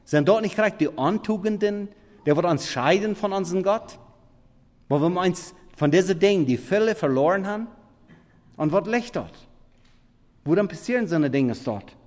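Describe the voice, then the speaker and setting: A man preaching a sermon in halting, non-standard German, swinging between loud emphatic scripture reading and quiet murmured asides. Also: high-pitched. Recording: long reverb of a big hall.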